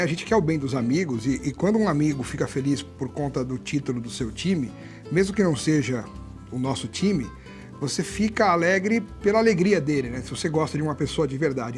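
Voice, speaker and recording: A man hosts a football talk panel in a chatty way, steering into the next segment. His voice sits a little high, and faint music runs underneath. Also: a little mellow. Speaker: show host. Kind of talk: casual sports panel chat.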